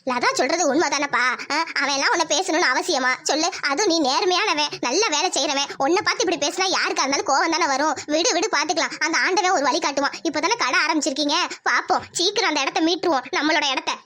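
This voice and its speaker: A woman's voice: sits high, fast talker, hardly any pauses, sharp tone. A woman voicing a kindly, comforting old village mother in a cartoon, soothing and motherly.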